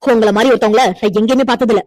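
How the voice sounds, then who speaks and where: A woman's voice: on the high side, steady tone, rapid-fire, mellow, no echo, lightly acted. A woman voicing a defiant young woman in a cartoon, indignant and lecturing as she defends her friend. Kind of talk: cartoon voice acting.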